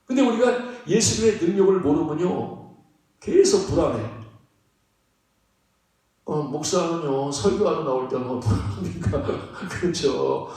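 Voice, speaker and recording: A male pastor delivers a sermon in a high voice, talking to his congregation in an emphatic, conversational way and asking them questions again and again. His voice rings through a very echoey church sanctuary, picked up from a distance. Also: animated, a little slow, long pauses, mellow. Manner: emphatic, conversational preaching with frequent rhetorical questions and laughs.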